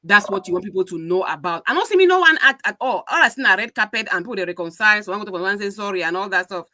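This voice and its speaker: On a podcast, a broadcasting-trained woman races through casual, opinionated chat, mixing pidgin into her English. She sounds medium-pitched, expressive, and sharp, and the recording is dry.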